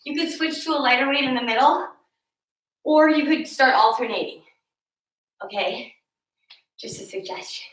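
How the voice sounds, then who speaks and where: Recorded from afar with a roomy echo, a woman leads a workout at home in a mirrored room. Her high, somewhat bright voice moves at normal speed with frequent pauses as she counts reps and makes lighthearted, chatty remarks between sets.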